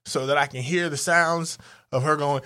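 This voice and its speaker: Animated, profane man telling raunchy stories. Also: a little high, clear, resonant tone. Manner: profane, animated storytelling with acted-out voices. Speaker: podcast co-host. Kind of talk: raunchy comedic banter.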